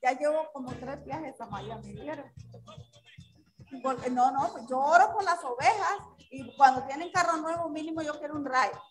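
A woman pastor leading a church service, fervent and quick to punctuate with amens. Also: high voice, rough recording.

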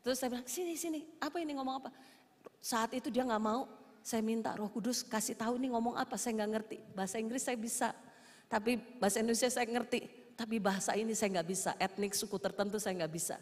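High-voiced woman pastor preaching in a hall. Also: fast talker. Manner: animated storytelling that swings from hushed to shouted. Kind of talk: sermon with storytelling. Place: large church auditorium. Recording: long reverb of a church hall.

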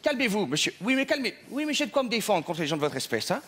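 A man's voice: high-pitched, very animated, fast talker, a bit bright, heavily acted. A man playing a fussy, mock-polite male census clerk at a counter in a stage comedy sketch, with stammering fillers. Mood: officious.

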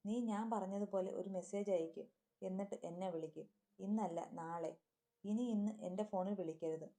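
A woman's voice: mid-range voice, fairly even intonation, moderate pace, dark tone, lightly acted. A woman doing a curt, commanding young husband.

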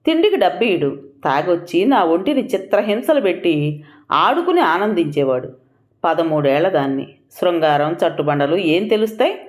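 A woman narrating an audio story in an expressive, measured way. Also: fairly low pitch.

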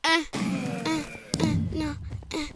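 A woman giving casual gameplay commentary, excitable and yelping and groaning at the game. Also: high voice, slow, over music. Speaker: gaming channel host.

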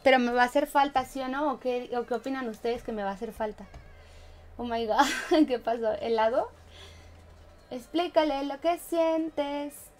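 A Mexican woman game streamer chats casually with her live viewers, playful and talkative, laughing often and humming little tunes. Her voice sits high.

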